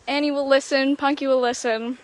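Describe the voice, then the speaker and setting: Slow-talking, high-voiced giggly woman. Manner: giggly, laughs between phrases. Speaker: sanctuary helper. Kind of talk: casual chat on a walking tour. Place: outdoors on farm, walking. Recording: noisy outdoor recording with clicks.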